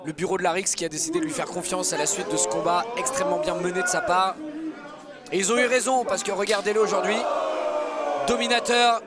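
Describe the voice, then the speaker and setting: Excitable male commentator for live wrestling, higher-pitched voice, roaring crowd behind. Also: quick pace. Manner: excitable, exclaims at moves. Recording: loud crowd, noisy live arena. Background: loud wrestling event crowd.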